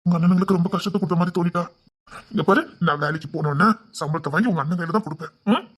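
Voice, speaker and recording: An actor playing a jobless husband in a family drama, speaking Tamil with a Tirunelveli accent in an anxious, pleading way, at times slowed down by tears. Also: male voice, high-pitched, fairly bright tone, husky. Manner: anxious, pleading, cries and slows when upset. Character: jobless husband, guilt-ridden and tender. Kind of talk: web series family drama.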